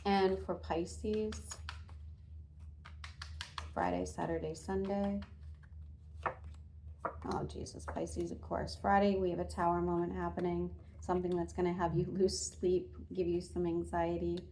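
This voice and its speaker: A woman with a slightly low voice reads tarot cards for her viewers in an easy, chatty way. She talks off the cuff, with frequent fillers and restarts, and a faint hiss sits behind her. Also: flat delivery, a little slow, dark tone. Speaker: tarot reader. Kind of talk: casual spoken tarot reading.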